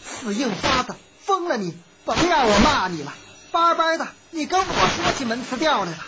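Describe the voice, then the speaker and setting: A woman storyteller voicing a pert young courtesan with a sharp, bantering tongue. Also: high-pitched, moderate pace, very noisy, pitched above the performer's own voice, close to an everyday voice. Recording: dull lo-fi recording with music.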